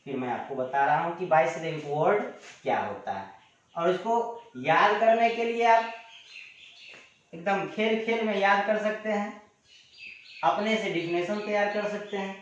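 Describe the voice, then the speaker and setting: Echoey male grammar teacher. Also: sits high. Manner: explains slowly, repeating definitions, drawing out example words. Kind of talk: classroom lecture. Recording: echoey room, dull lo-fi sound.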